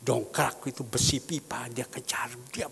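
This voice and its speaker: Gravelly man preaching in an echoing hall. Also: medium pitch, unhurried. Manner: animated, swings between hushed whispers and loud exclamations. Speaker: pastor. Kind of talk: storytelling sermon. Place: church hall. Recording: reverberant church hall, faint background noise.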